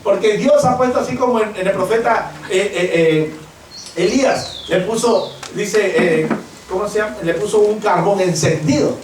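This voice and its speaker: Peruvian pastor preaching in an echoey church. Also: male voice, sits high, moderate pace, a little mellow, recorded from a distance, slight background noise. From Peru. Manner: impassioned preaching, acting out quoted voices. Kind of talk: sermon. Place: church hall.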